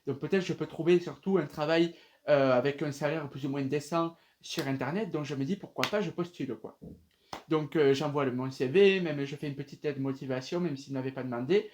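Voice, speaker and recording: A man's voice: on the high side, fairly quick, a little mellow, a little hiss or hum. A young man casually telling a personal story to viewers, rambling with many fillers and restarts. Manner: addresses viewers directly.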